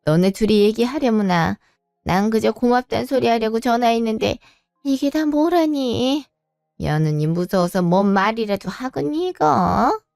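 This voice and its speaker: A woman's voice: on the high side, animated, measured pace, gravelly, darkish tone, dry recording, clean studio sound, soft background music. A woman voicing a reproachful, pushy middle-aged mother-in-law who talks down and scolds in a story reading. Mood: sulky, defensive.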